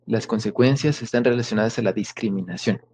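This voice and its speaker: A man's voice: lowish voice, brisk, darkish tone, a little hiss or hum. Man giving a video-call linguistics lecture. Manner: explanatory, many fillers and rhetorical questions. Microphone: video call microphone.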